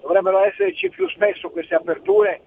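A man's voice: high voice, wildly swooping pitch, moderate pace, gravelly. A man from Friuli Venezia Giulia calling in to a radio show over the phone, rambling and trailing off with repeated "eccetera". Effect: heard over a phone line. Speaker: radio caller. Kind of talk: call-in opinion. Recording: tinny phone line with faint hiss.

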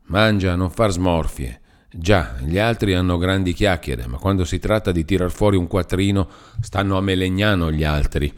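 A man's voice: deep voice, normal speed, lightly acted. A brusque, grumbling uncle snaps and complains in a raised, clipped voice, full of bitter sarcasm, as a male narrator puts him on. His delivery is curt and prickly. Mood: gruff. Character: gruff, sarcastic, grumbling middle-aged uncle. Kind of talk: audiobook character reading.

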